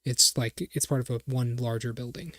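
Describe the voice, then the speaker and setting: A man's voice: mid-range voice, flat delivery, normal speed, a bit bright, no room sound. Guy running a tabletop game, rambly, keeps hunting for words, very dry mic. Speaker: game master.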